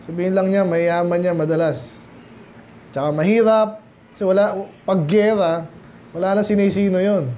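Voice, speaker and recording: Male pastor, Filipino accent, fairly high voice, verse-by-verse Bible teaching, slow English scripture reading, muffled recording with faint hiss. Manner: reads King James verses slowly in English, then explains in Taglish. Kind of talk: verse-by-verse Bible study preaching. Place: church sanctuary, indoors.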